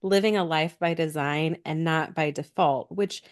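A woman's voice: low voice, measured pace. A woman co-hosting a podcast and speaking in the earnest, encouraging tone of a business coach. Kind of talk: casual podcast chat.

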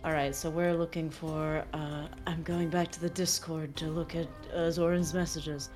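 A woman's voice: deep voice, flat delivery, normal speed, darkish tone. A woman bantering casually as a player in a tabletop role-playing game. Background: background music.

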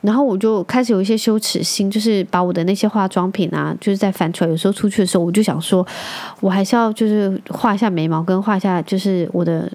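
Chatty young mom telling stories. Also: female voice, medium pitch, fairly even intonation, fast, a little mellow. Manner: chatty storytelling, laughs often. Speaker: podcast host, mother of a young boy. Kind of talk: casual chat.

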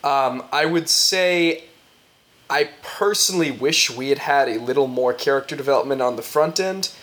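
A man co-hosting a podcast who gives frank, measured opinions in a casual discussion. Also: medium pitch, a bit bright. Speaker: podcast co-host.

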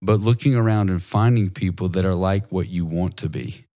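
A man co-hosting a podcast, speaking in a measured, thoughtful way in casual conversation. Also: deep voice, warm tone, dry recording, clean studio sound.

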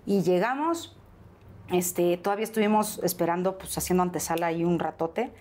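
A middle-aged woman with a Mexican accent, an interview guest telling a personal story in a lively way and often pausing on "este". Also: lowish voice. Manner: animated storyteller, acts out quoted dialogue, frequent "este" fillers.

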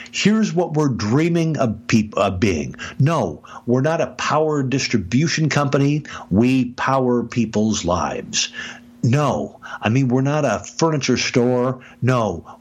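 Medium in pitch and slightly rough, this male voice belongs to a podcast host and business speaker. He gives business advice conversationally but emphatically, staying animated and saying "I mean" again and again.

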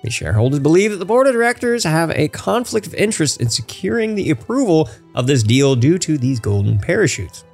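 A man's voice: a little high, sing-song, brisk, vocal fry, few pauses, a little mellow, soft background music. A man hosting a casual podcast, rambling through news and laughing at his own jokes. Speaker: podcast host.

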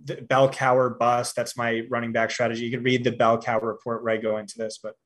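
A man's voice: medium pitch, flat delivery, a little fast, fairly bright tone. A man giving fantasy football analysis in a casual podcast chat, with many fillers and restarts but firm opinions. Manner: frequent fillers and repeated starts, confident opinions.

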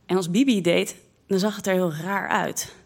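A woman slowly and expressively telling a personal childhood story in the first person. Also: on the low side, creaky. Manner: slow, lively, expressive storytelling.

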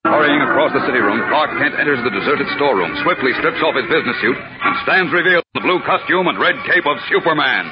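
Loud music and dull old radio sound surround a male narrator. He reads 1940s adventure narration in an urgent, declamatory way, pitched on the high side. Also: animated, fast, few pauses.

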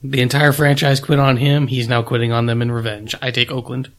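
Brief: man, mid pitch, dry wisecracking co-host in casual sports talk. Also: little pitch movement, brisk, fairly bright tone.

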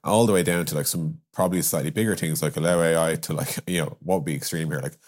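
A software company strategist, appearing as a podcast guest, explains his views informally in a casual business discussion full of asides and examples. His very deep, darkish voice moves fast with fairly even intonation.

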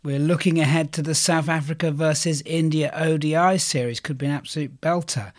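Croaky, fairly high-pitched man presenting. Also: steady tone, a little fast, dry recording, clean studio sound. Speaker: podcast co-host. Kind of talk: cricket betting podcast presenting.

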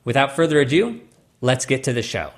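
A man hosting a podcast, reading a brisk, upbeat scripted intro. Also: medium pitch, animated. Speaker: podcast host.

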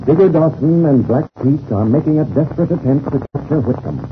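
A man's voice: a little high, expressive, fairly quick. A man announcing a 1930s radio adventure serial in a dramatic, emphatic style. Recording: tinny, noisy old radio recording.

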